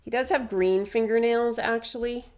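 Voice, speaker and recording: A young woman chatting her way through a face painting tutorial, upbeat and a little hoarse. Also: fairly high pitch, steady tone, normal speed, a little mellow. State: slightly hoarse.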